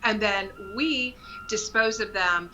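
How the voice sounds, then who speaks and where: Give me a woman with an extremely bright, sharp-edged voice, chatting as a guest. She explains products in friendly detail and keeps things light. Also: mid-range voice, slow, muffled recording, a little hiss or hum. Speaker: guest, creative director of a nail polish brand. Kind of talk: casual chat about beauty products.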